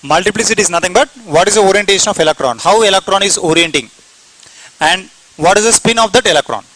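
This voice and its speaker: A man's voice: high voice, fast talker, fairly bright tone, no room sound, rough recording. A man with an Indian English accent teaching a chemistry class, repeating points and asking and answering his own questions. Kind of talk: classroom lecture.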